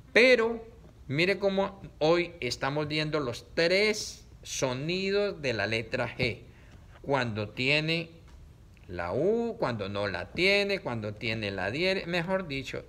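A man giving a reading lesson to children, slowly sounding out words syllable by syllable and repeating them, recorded on a camera set up in front of him. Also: medium pitch, sharp tone.

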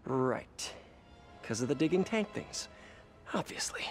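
A man's voice: mid-range voice, animated, measured pace. An actor voicing a quippy, self-deprecating young male superhero in a video game. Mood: wry, focused. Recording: game music behind the voice.

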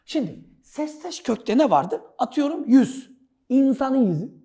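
A man teaching a Turkish exam-prep lesson, jokey and playful, calling students "brother" and shouting now and then for fun. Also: very high-pitched, big pitch swings, measured pace. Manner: playful and jokey, breaks into shouts and sound effects; addresses students as "kardeş". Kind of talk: energetic video lesson solving exam questions.

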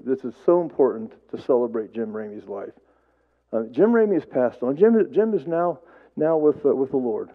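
A man giving a eulogy to an audience, telling stories in a rambling, halting way with repeated words and folksy humor. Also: medium pitch, big pitch swings. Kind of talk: storytelling speech to a gathered audience. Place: memorial service, before an audience. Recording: tinny phone-like sound.

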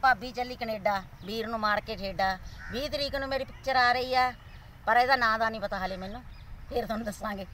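A woman's voice: fairly high pitch, quick pace, fairly bright tone, recorded from a distance, slight background noise. A woman in her forties with a Punjabi accent, talking casually as an interview guest outdoors. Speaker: social media comedian being interviewed. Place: outdoors in a leafy park.

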